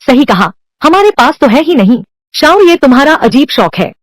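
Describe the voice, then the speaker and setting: Every character in this dubbed drama, whether male or female, comes from one woman using a single unvaried reading voice. Her pitch is high and her delivery very animated, at a moderate speed with no echo at all.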